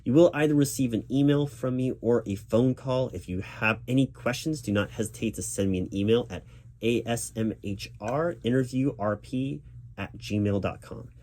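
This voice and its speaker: With a mid-range, slightly mellow voice at a moderate pace, a man plays a recruiting manager for an ASMR interview roleplay. He sounds patient, encouraging and reassuring, while background noise carries the sound of keys being typed.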